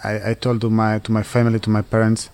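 A man from Switzerland in his thirties, answering interview questions in halting non-native English full of fillers and restarts. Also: fairly low pitch, completely flat delivery, darkish tone, smooth, dry recording. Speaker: interviewee, footballer.

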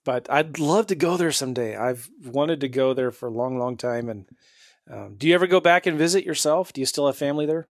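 A man's voice: mid-range voice, fairly quick, dry recording, studio quality. A man hosting a podcast, upbeat and chatty, often laughing as he talks. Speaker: podcast host. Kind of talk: casual interview chat.

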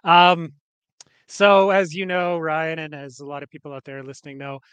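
A man's voice: a little high, flat delivery, normal speed, a bit bright, smooth, no echo. A Canadian man co-hosting a podcast in casual chat, rambling with lots of fillers and restarts. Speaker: podcast co-host.

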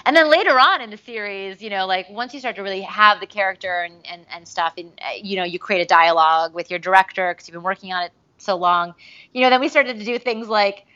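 In a muffled recording, a woman who works as a voice actress speaks fast at medium pitch while sharing stories in a relaxed interview. Her manner is chatty, with lots of "like" fillers and lively re-enacted quotes.

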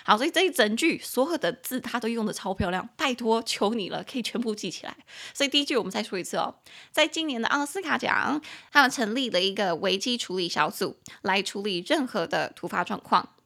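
Lively, bright-voiced young woman teaching English. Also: a little high. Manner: playful, giggly, spells and repeats English words slowly. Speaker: English teacher and podcast host. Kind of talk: podcast English lesson.

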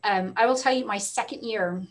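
Middle-aged woman librarian, lively chatty guest, mid-range voice. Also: mid-range voice. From Texas. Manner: animated storyteller, quick asides, frequent laughs. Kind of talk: casual interview talk.

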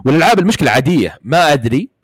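Rapid-talking Saudi man, dry sound. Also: on the high side, sing-song, breathy edge, no room sound. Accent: Gulf Arabic, Saudi. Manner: rapid, rambling, many fillers and restarts. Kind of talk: casual gaming chat.

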